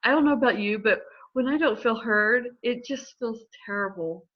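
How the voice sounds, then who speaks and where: A middle-aged woman counselor explaining listening skills in a calm, measured way during a conversation. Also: a little high. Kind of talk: instructive conversation. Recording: slightly dull lo-fi audio.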